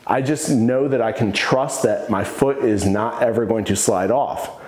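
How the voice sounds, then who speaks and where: A man in his thirties who works as a fitness coach gives an enthusiastic, casual tour of his basement home gym gear, offering his views along the way. He speaks unhurriedly in a low, darkish voice, and the room echoes.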